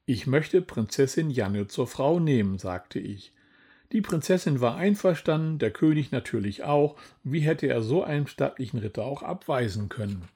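A man's voice: mid-range voice, expressive, moderate pace, warm tone, breathy edge. A man as Ritter Kühnrich, a boastful old knight. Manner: grumbling, self-praising. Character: boastful old male knight, proud father.

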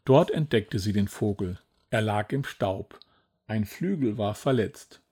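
A man reading a children's storybook aloud in a gentle, even manner. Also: on the low side, measured pace, husky. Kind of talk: scripted storybook narration.

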